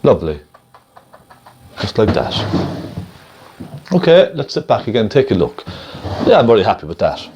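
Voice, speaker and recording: A man giving a casual step-by-step painting demonstration as a gentle, encouraging instructor, thinking aloud in an unhurried way as he works. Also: fairly low pitch, big pitch swings, lo-fi sound, background noise.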